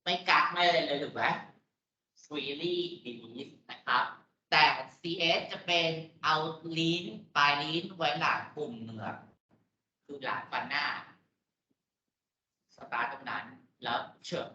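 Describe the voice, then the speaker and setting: A man's voice: medium pitch, measured pace, bright, forceful tone, slight background noise. A man with a Thai accent teaching English pronunciation in a lecture, patiently explaining and repeating words. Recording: echoey room, dull lo-fi audio.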